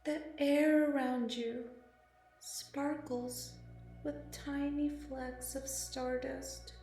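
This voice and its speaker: Slow soothing woman guiding meditation. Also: high voice, fairly even intonation. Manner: slow, soft and soothing, with long pauses. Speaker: meditation guide. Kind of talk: guided meditation narration. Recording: very echoey, slightly distant, music behind. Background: meditation music and singing bowl.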